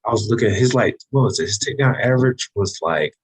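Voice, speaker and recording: A man's voice: medium pitch, animated, quick pace, breathy edge, rough recording. A man co-hosting a casual fight podcast, joking and playful in an easygoing way. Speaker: podcast co-host. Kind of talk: casual sports chat.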